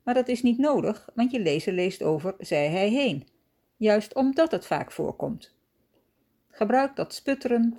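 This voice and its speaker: Lady reading her writing-tips podcast script, steady instructive tone, soft dark voice. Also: mid-range voice. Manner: calm, measured, instructive.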